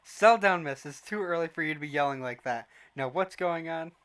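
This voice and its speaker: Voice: mid-range voice, fairly quick, fairly bright tone, lightly acted. A speaker voicing a flustered, stammering young male mercenary in a fan read of game dialogue. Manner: stammering, nervous.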